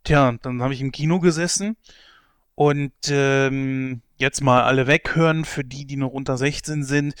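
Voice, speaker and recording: A man co-hosting a casual podcast, telling a story in a lively way. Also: medium pitch, normal speed, clear, resonant tone, no room sound, clean studio sound. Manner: storytelling, animated when amused. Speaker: podcast co-host. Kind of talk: casual podcast chat about films.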